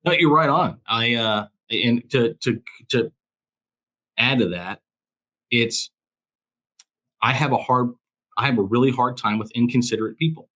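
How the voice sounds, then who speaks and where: A man's voice: mid-range voice, unhurried, long pauses, bright, forceful tone. A man who once worked as a police officer and now coaches people through crisis, speaking as a guest in casual conversation. He talks with firm emphasis and often repeats phrases to drive his point home.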